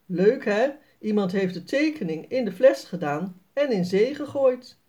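A joking, cheerful young father from a children's storybook, read aloud by a woman sounds playful and encouraging. His voice moves up and down a lot, and the pace stays slow. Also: medium pitch, expressive, dark tone, close to an everyday voice.

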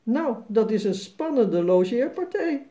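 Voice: medium pitch, big pitch swings, measured pace, warm tone, voice pushed up. A storybook reader voicing a fussy, exclaiming middle-aged neighbor woman.

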